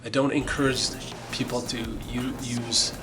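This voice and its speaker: A man's voice: medium pitch, level tone, a little slow, background noise. A middle-aged man casually telling a band story, rambling and swearing a lot with many restarts. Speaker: band member recalling the band's origins. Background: music.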